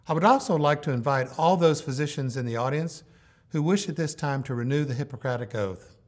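An older man leading a medical graduation oath in a solemn, deliberate formal address. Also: mid-range voice. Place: hall with organ pipes behind, indoors.

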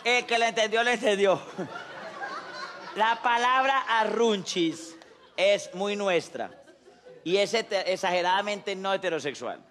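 A Colombian man doing a stand-up comedy set, his voice sitting noticeably high for a man. He talks in loose street slang and keeps slipping into quick acted-out scenes between jokes. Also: a faint crowd. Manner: animated, slangy, acting out little scenes.

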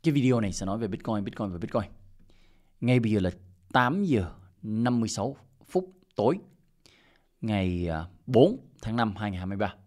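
A man's voice: on the low side, lively intonation, fairly quick, darkish tone. A middle-aged man hosting a crypto channel, walking through his screen in loose, casual commentary, with lots of "ok" fillers and restarts. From Vietnam. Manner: loose and repetitive, peppered with "ok" and "à" fillers.

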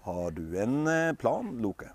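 A man voicing a scheming warrior leader in a bedtime story, giving low, matter-of-fact commands. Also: very animated, husky. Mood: plotting.

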